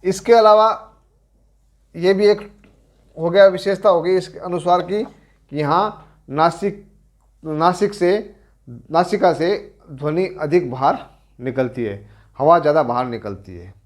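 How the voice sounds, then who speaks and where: A middle-aged man with a Rajasthani accent, giving a grammar lecture as a teacher, explaining slowly and deliberately and correcting himself as he goes. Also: a little high. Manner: slow, deliberate explaining with pauses and self-corrections.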